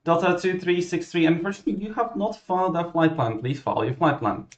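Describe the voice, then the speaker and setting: A man working as a ground controller, giving clearances and commentary in a halting, self-correcting way. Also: a little high, a little hiss or hum. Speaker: virtual air traffic ground controller. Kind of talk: radio clearances and explanatory commentary. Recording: muffled, roomy microphone sound.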